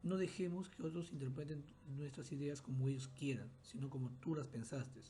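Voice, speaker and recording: A man delivers a recorded class lecture in a mid-pitched, warm and mellow voice. He explains step by step and now and then restarts a phrase. A faint hiss sits under the recording. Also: steady tone, normal speed.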